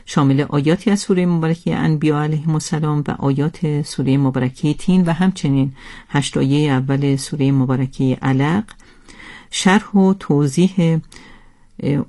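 Radio announcer, formal measured delivery, mellow dark tone, program schedule. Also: mid-range voice.

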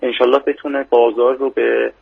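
A man with a heavily gravelly, breathy voice gives formal expert answers on a radio interview. He talks in a measured way and keeps pausing on hesitation fillers. The sound is dull and lo-fi, like a broadcast radio feed. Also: medium pitch, level tone. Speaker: financial expert guest.

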